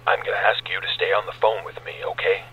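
An actor playing a male emergency dispatcher who speaks in a steady, reassuring way. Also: low voice, fast, breathy edge, highs cut off. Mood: calm.

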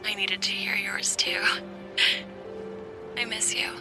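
A man voicing a tired, loving young woman on the phone, speaking softly and in a hush. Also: high voice, a little slow, voice pushed up. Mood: tender. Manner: soft, hushed and tender. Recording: background music.

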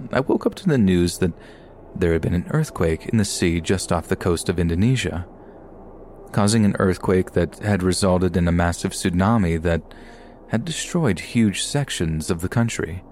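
A man narrating a submitted scary story in a steady, measured way. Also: sits low, a little hiss or hum. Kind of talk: scripted narration.

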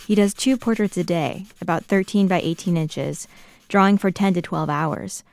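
A woman hosting a podcast, reading scripted narration in a measured, gentle storytelling voice. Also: on the low side, a little hiss or hum. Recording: narration over clear music.

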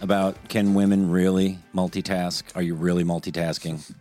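A man's voice: sits low, level tone, normal speed, warm tone, soft background music. A middle-aged man hosting a podcast, talking casually and reading out in a conversational way. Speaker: podcast host. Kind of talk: casual chat and ad read.

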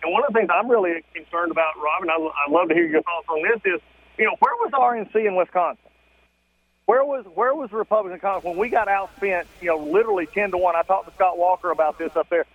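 A man calling in to a political radio show from a car stopped at the roadside. He talks quickly and emphatically with frequent restarts, and his phone line is muffled, as if he were in a tunnel. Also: high voice, dry recording. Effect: muffled phone line that sounds like he is in a tunnel.

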